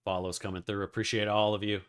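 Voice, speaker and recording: A man streaming and casting an esports match, giving away codes and calling the plays with excitable play-by-play. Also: lowish voice, fast talker, smooth. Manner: excitable play-by-play, rising to shouts. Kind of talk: live game commentary.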